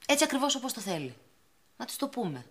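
An actress playing a calm woman who talks a man through a plan about his divorce. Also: on the high side. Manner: calm, persuasive. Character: calm scheming woman advising a friend. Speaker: actor in a TV comedy series. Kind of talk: sitcom acting.

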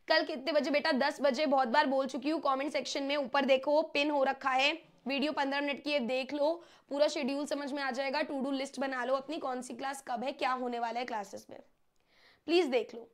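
A woman's voice: high-pitched, a bit bright. A young woman teaching an online class, chatty and coaxing, often checking whether students follow. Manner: chatty, coaxing, mixes Hindi with English.

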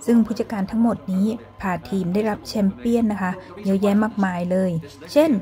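A young woman hosts a casual tour vlog inside a football stadium museum, acting as guide and narrating in a polite, chatty way with frequent soft sentence-end particles. When she switches to English, she has a Thai accent. Her mid-range voice is steady and brisk, with soft music playing in the background.

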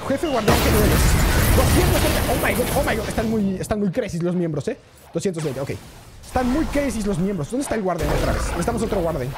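An excitable woman streams a game live and keeps talking to her chat. Her pitch swings widely from line to line, and music plays loudly behind her. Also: quick pace. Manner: excitable, chatty, talks to chat.

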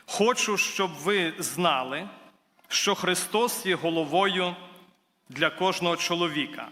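In a reverberant church hall, a guest preacher delivers an earnest sermon that builds to emphatic declarations, calling his listeners brothers and sisters. His voice sits high, with a sharp tone and a slow pace.

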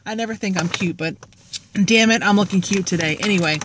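A vlogger sits in a parked car, holding her phone at arm's length as she rambles casually, joking and using lots of fillers. Her voice is medium-pitched and unhurried, with background noise behind it.

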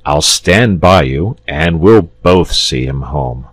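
Man acting saintly knight, kindly, firm, no-nonsense, animated pitch, close dry sound, storybook character. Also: no echo, heavily acted. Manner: reassuring, brisk, no-nonsense.

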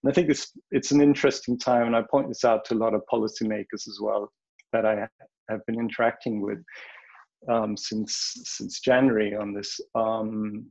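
A man giving a frank, opinionated conference talk over a video call, pausing often with ums. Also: fairly low pitch, fairly even intonation, darkish tone, muffled recording. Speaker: panel speaker, wildlife health director. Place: home or office in the Bronx.

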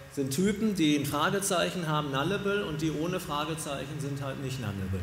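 A man's voice: fairly high pitch, slight background noise. Middle-aged guy at a podium giving a tech talk, easygoing, lots of ums, big echoey hall. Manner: relaxed, explanatory, many fillers. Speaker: software developer giving a talk. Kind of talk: conference talk with live coding demo. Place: large lecture hall with audience. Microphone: podium mic.

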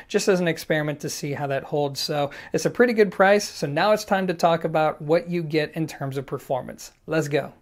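An audio equipment reviewer hosting a channel, narrating a scripted product walkthrough. The delivery is upbeat and casual, with jokey asides thrown in for the viewer. The voice sits at an ordinary middle pitch.

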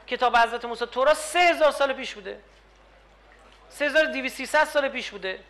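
A man lectures on religious texts with a very high-pitched, bright, forceful voice. He presses his points hard and keeps throwing rhetorical questions at the room. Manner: emphatic, rhetorical questions to the audience. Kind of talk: religious lecture to a live audience.

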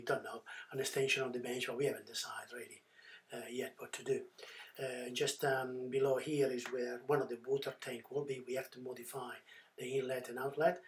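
Man narrating a boat refit, halting. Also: mid-range voice. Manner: halting, many fillers and restarts. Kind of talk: casual voice-over narration.

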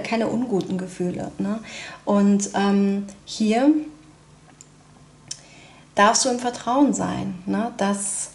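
A woman's voice: medium pitch, creaky, a little mellow, roomy sound. A woman giving a casual tarot card reading, talking chattily with many tag questions and fillers. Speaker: tarot reader.

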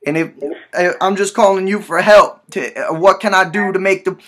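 A man in his twenties with a high, sharp voice plays a hurt, frantic, naive young man with a bleeding, swollen lip on a prank call, speaking at a moderate pace with fairly even intonation. Distressed and whiny, he pleads, stammers, and repeats himself from a desk in a small indoor room.

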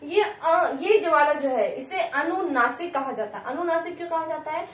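A woman's voice: high voice, moderate pace. A woman teaching a grammar lesson to children, asking questions and answering them herself. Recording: echoey room, mic at a distance.

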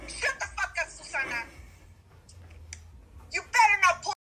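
A middle-aged woman heard through a phone on speakerphone, talking bluntly, exclaiming loudly and swearing freely. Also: extremely high pitch, big pitch swings, unhurried, slight background noise. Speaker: parent reacting on a phone call.

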